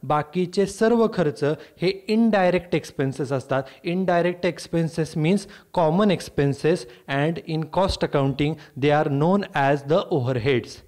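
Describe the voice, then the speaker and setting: A man lecturing on accounting with a Marathi accent, explaining each step slowly and repeating points in English and Marathi. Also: a little high, darkish tone. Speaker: commerce lecturer. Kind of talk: recorded lecture.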